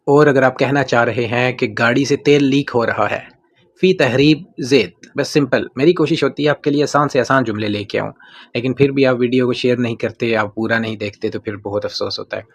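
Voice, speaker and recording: A man giving a casual lesson on everyday Arabic phrases, saying each phrase slowly and repeating it before explaining it, often adding a friendly "theek hai ji". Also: mid-range voice, slightly rough. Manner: pleads with viewers to watch and share. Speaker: Arabic language teacher.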